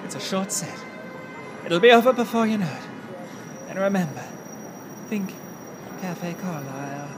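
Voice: mid-range voice, expressive, measured pace, long pauses, over music. A stage performer talking in a theatrical, grandiose, self-dramatizing way, first from a car parked in a lot and then in a small restaurant. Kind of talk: comedic mockumentary talk.

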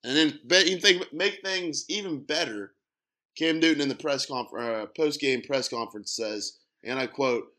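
A man's voice: a little high, moderate pace. A man co-hosting a casual sports podcast, getting fired up and ranting. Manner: animated, gets fired up and rants. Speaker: podcast co-host.

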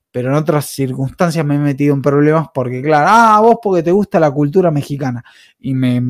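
An Argentine man with an accent from Argentina hosts a casual podcast chat in a slightly high, slightly mellow voice, recorded cleanly in a studio with no room sound. He is passionate and opinionated, wandering through his points.

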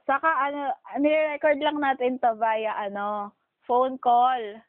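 A woman's voice: high voice, fairly even intonation, unhurried, no echo. A young Filipino woman co-hosting a podcast, chatting animatedly and laughing, recorded by phone. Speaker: podcast co-host. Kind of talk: casual chat. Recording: phone line, dry.

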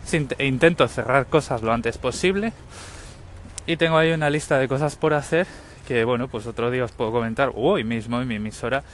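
A man's voice: medium pitch, a little fast, a little hiss or hum. A man speaking casually in an informal voice message.

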